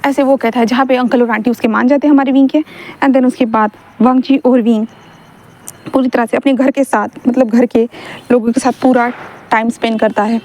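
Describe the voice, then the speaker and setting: A woman's voice: fairly high pitch, steady tone, brisk, darkish tone. A young woman casually narrating her own story aloud in a chatty, rambling way, often correcting herself mid-sentence.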